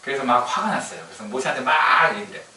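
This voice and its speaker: Bright, jokey pastor. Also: male voice, medium pitch, expressive, fast. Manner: chatty, humorous storytelling with laughs. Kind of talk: sermon. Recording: echoey room from a distance.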